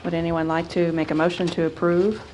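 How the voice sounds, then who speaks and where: A woman chairing a city council meeting, briskly reading agenda items aloud into a desk microphone in a council chamber. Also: on the low side, flat delivery, a little mellow, a little hiss or hum.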